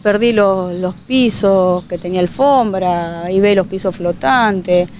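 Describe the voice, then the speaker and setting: A woman's voice: mid-range voice, a little slow, a little mellow. A woman gives an outdoor street interview to a local news crew about the flood at her home. She talks in emotional, broken-up phrases, restarting her sentences often. A faint hiss of background noise sits under her voice. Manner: fragmented, emotional retelling with many restarts. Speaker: flood-affected resident.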